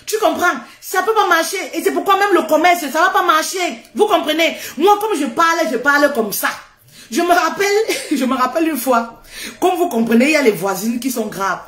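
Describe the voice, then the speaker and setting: A high-pitched woman speaks loudly in a casual motivational talk, laughing freely and hammering her points home by repeating them. The sound is roomy and echoing. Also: animated, fairly quick. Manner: loud, laughs often, repeats phrases for emphasis.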